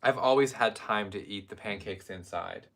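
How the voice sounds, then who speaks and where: Man, bright voice, sitting a little low in pitch; casual perfume chat full of dry quips. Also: moderate pace, creaky. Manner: wry, joking, rambling asides. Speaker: perfume reviewer.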